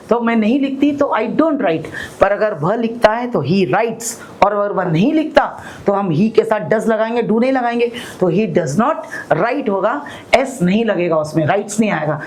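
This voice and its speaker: Slow, patient Indian woman teaching English. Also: mid-range voice, expressive, a little mellow, low-quality recording. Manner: explains step by step, asking rhetorical questions, slowly repeating example sentences. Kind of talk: spoken English lesson.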